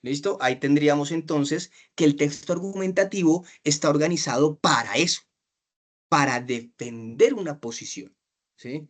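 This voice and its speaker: A man with a Colombian accent teaching an exam-prep class, asking questions, stretching out key phrases and often checking "¿sí?". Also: a little high. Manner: slows down to stress key phrases.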